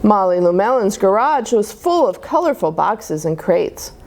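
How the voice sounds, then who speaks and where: A woman storyteller reads a picture book aloud for young children, her delivery expressive and deliberate. She has a mid-range voice.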